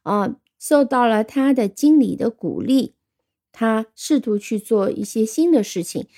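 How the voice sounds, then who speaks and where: A woman's voice: on the high side, lively intonation, unhurried, warm tone. A woman teaching English vocabulary, patiently explaining and spelling words out letter by letter, with frequent fillers. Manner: frequent fillers, switches between Chinese and English. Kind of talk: spoken vocabulary lesson.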